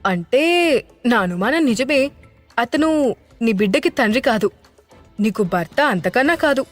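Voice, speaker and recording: A woman's voice: fairly high pitch, expressive, measured pace, faint music behind. A woman voicing a teasing, mocking younger sister in an audio drama.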